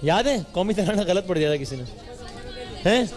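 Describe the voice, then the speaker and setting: Man, quiz show host, teasing banter, high voice, studio audience murmur. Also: expressive, darkish tone. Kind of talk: live studio quiz hosting. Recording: roomy hall with music and crowd.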